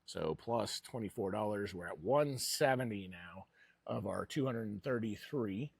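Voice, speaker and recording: A man's voice: on the low side, animated, a little slow, vocal fry, breathy edge, no echo. A man hosting a personal investing vlog with casual, rambling commentary.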